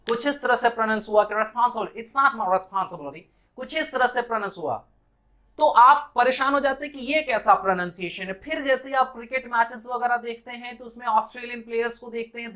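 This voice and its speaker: A man with an Indian accent teaching a spoken English lesson in Hindi, slowing down to spell out English words syllable by syllable. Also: very high voice, bright, forceful tone.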